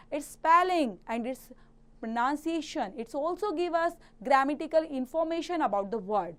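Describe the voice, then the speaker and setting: High-voiced Indian woman teaching grammar. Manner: switches between slow careful English reading and quick Hindi explanation. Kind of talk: classroom grammar lesson for children.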